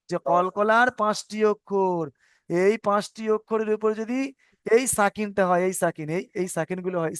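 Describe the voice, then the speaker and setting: A male tajweed teacher walks students through the letters, saying each sound again and again and checking that they follow. His voice is high and smooth. It sits close and dry on the mic. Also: fairly bright tone, no echo. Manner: patient, repeats sounds and asks if understood. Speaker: Quran reading teacher. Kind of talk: online tajweed lesson.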